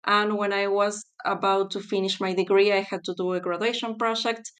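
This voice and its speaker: Smooth-voiced woman answering interview questions. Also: mid-range voice, flat delivery, normal speed, fairly bright tone. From Argentina. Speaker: guest. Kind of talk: conversational interview.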